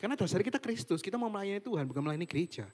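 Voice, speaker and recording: A young man preaches informally to a youth group on a video call. His voice sits a little high for a man, and he talks in a chatty, loose way, full of fillers. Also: expressive, very fast, a little mellow. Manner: chatty, fillers and english words. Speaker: youth devotional speaker. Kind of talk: casual sermon over video call.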